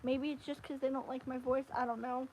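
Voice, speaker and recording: A high-pitched woman hosts a casual stream about anime. She rambles and restarts her sentences, her voice lively and chatty. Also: brisk, a little hiss or hum, poor audio. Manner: rambling, animated, with frequent restarts and fillers. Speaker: livestream host. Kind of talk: casual anime review chat.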